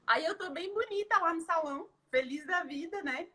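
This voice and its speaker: A woman from Brazil with a bright, high voice recounts a painful personal memory. She speaks in a heartfelt, tearful way, circling back with fillers and restarts as she tells it. Her tone stays clear and ringing throughout. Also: moderate pace. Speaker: guest giving a testimonial. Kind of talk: emotional personal testimony.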